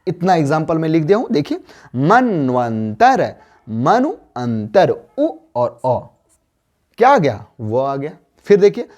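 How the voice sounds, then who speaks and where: A man with a slightly high, darkish voice teaches a Hindi grammar lesson, slowly drawing out and spelling each word part. He asks the class questions with a rising tone, then answers them himself.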